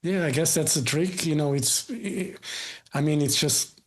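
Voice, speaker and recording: A man's voice: a little high, unhurried, slight background noise. A man interviewing a musician in a casual chat, talkative, often repeating words and laughing along.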